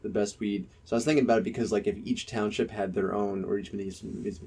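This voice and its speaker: Young Jersey guy, low voice, rambling fillers, faint background noise. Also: flat delivery, quick pace, vocal fry. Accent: New Jersey. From New Jersey. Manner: rambling, hesitant, many fillers. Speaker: podcast co-host. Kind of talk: casual chat.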